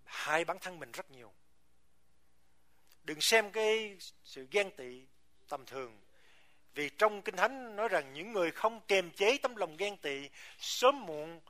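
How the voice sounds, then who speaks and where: A man's voice: high voice, lively intonation, measured pace, pushed and bright. A man preaching a sermon to his congregation, emphatic and full of rhetorical questions. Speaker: pastor.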